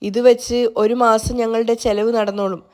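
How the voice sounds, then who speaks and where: A woman voicing a worried old grandmother who asks softly and pleadingly for money. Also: on the high side, little pitch movement, normal speed, natural voice.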